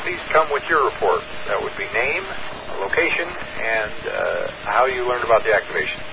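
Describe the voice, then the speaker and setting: A man's voice: medium pitch, very animated, normal speed, vocal fry. A man running a radio net as net control, taking check-ins in a methodical, procedural way over a radio channel with static. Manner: procedural, methodical call-and-response phrasing. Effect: radio transmission with static. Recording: muffled radio with heavy static.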